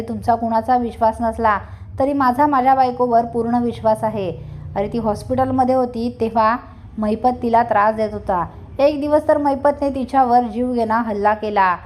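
A woman's voice: fairly high pitch, close to an everyday voice. A woman voicing an angry young husband. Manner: shouting, protesting. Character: angry young husband defending his wife.

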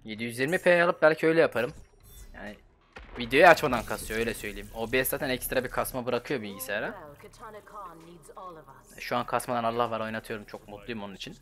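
A young man with a Turkish accent, giving casual, slangy commentary while playing a fighting game at his computer and reacting loudly to each fight. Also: mid-range voice, quick pace, long pauses, faint music behind. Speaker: gaming channel host.

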